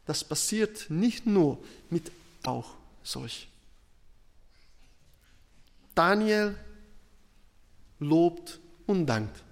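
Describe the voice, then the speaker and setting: Slow, deliberate preacher in a reverberant hall. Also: male voice, on the high side, expressive. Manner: slow, deliberate, with pauses and emphatic rises. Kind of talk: sermon with Bible reading.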